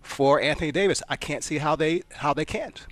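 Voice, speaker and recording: A man's voice: on the high side, normal speed, fairly bright tone. A man reporting on a sports story in a thoughtful, conversational way. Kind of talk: live remote report.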